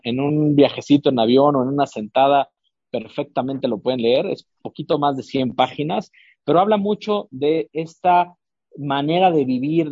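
A man's voice: mid-range voice, warm tone, slightly rough, dry recording, lo-fi sound. A man hosting a podcast, chatting casually about books with frequent fillers and restarts. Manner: hesitant, many fillers and restarts. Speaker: podcast host. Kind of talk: casual book-recommendation chat.

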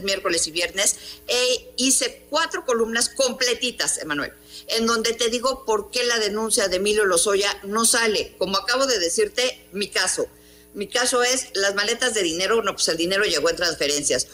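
A Mexican woman columnist pushes her case hard in an interview, firing off rhetorical questions. Her voice is bright and forceful, sitting at an ordinary pitch for a woman. Faint music runs underneath. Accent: Mexican Spanish. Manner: emphatic and combative, rhetorical questions. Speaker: newspaper columnist, interview guest. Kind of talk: remote interview answers.

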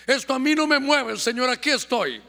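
A man's voice: extremely high pitch, animated, moderate pace, creaky, pushed and bright, voice pushed up, full character voice. A man with a Honduran accent voicing a childless woman who prays, bitter yet determined, her confession pleading. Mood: defiant. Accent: Honduran Spanish. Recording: long church hall reverb.

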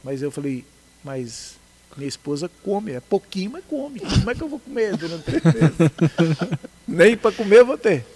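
A Brazilian Portuguese-accented man tells his story in a relaxed, chatty way, often laughing and acting out the other people's lines. His voice sits high and swings widely, and there is a faint hiss behind him. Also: moderate pace. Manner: laughs often, acts out dialogue. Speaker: guest telling his testimony. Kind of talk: casual storytelling.

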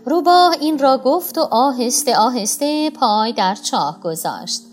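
A woman narrating a children's story in an expressive storytelling manner. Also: high voice. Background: soft music.

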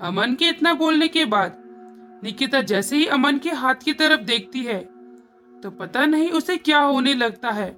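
A woman's voice: sits high, expressive, unhurried, a bit bright, faint music behind. A woman narrating a scripted horror story with suspenseful storytelling.

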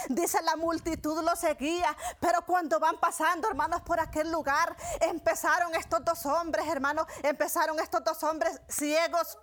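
A woman's voice: extremely high pitch, fairly bright tone. A woman preaching a sermon, addressing the congregation as brothers and often repeating phrases with tag questions. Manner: frequent "¿verdad?" and "hermanos" fillers, repeating phrases.

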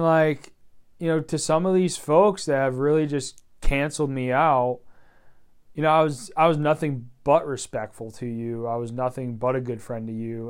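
A man's voice: mid-range voice, clear, resonant tone. A young man in his twenties hosting his own vlog, talking casually and rambling with many fillers and restarts. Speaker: vlog host. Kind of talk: casual solo vlog monologue.

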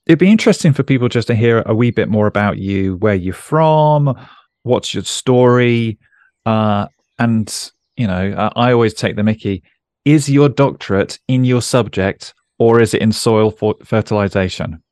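A man's voice: lowish voice, moderate pace, darkish tone, no echo. A man hosting a podcast interview, talking in a rambling, jokey, self-deprecating way. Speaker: podcast host. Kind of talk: casual conversational interview.

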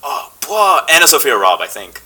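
Chatty young man with bright tone. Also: on the high side, normal speed, rough recording. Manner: relaxed, chatty, many fillers and restarts. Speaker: podcast guest, actor. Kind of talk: casual podcast conversation.

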